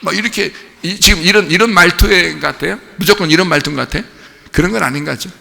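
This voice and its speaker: A male pastor preaching a sermon to his congregation, moving from hushed, intimate asides to loud, shouted exhortation and asking them rhetorical questions. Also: high voice, quick pace, gravelly. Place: church sanctuary. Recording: long church hall reverb.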